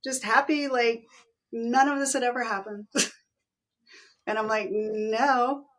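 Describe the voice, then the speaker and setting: A middle-aged woman telling a personal story as an interview guest, animated, acting out the voices of people she quotes. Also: fairly high pitch, takes it slowly.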